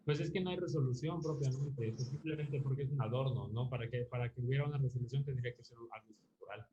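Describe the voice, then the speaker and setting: A man's voice: medium pitch, quick pace, background noise. A man teaching a music theory class online, explaining patiently and checking in with frequent tag questions while thinking aloud with fillers. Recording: dull, roomy lo-fi sound.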